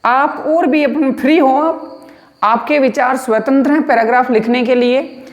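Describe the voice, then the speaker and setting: A woman's voice: high-pitched, big-room sound, dull audio. A woman teaching English grammar, explaining translation step by step and checking in often with her students. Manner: slow, repetitive, checks in often with rhetorical questions.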